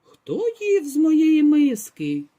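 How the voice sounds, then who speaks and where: A woman's voice: high-pitched, wildly swooping pitch, slow, voice pushed up, heavily acted. A woman voicing a mother bear who growls, less fiercely than the father bear, while she reads a storybook to children. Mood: growling. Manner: loud growling.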